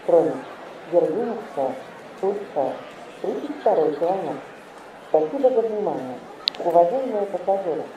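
A man making formal railway station announcements in measured, segmented phrases, in the manner of an airport announcement. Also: on the high side, distant mic. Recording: muffled, echoey station loudspeaker, noisy crowd.

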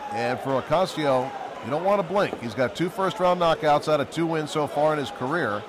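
Male boxing commentator over crowd noise. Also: fairly high pitch. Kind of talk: live TV fight commentary. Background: music and crowd.

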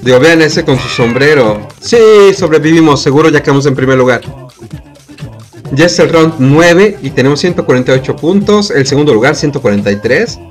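A man hosting a gaming channel, commenting on his play and reacting with quick repeated words. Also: medium pitch. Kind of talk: excited gameplay commentary.

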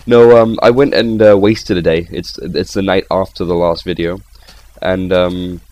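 A young man rambling casually as he commentates his own gameplay, with excitable outbursts. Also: low voice. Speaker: gaming channel host.

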